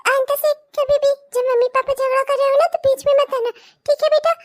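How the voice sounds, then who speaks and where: A woman voicing a gentle young wife and mother in a cartoon, pleading with her husband and soothing her child. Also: extremely high pitch, steady tone, a little fast. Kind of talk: cartoon comedy voice acting.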